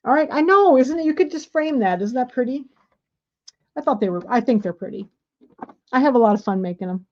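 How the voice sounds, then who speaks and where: A woman with a fairly high voice hosts a casual sewing livestream from her desk mic. She talks in a rambling, chatty way, full of fillers and restarts. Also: expressive, brisk, pauses often, highs cut off. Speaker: sewing class host. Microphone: desk mic while streaming.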